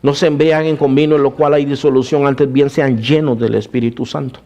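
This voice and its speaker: A man, a pastor, preaching a sermon and telling his own testimony, calling the listeners "brothers", moving between raised preaching and hushed storytelling. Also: medium pitch, fairly even intonation, fairly quick.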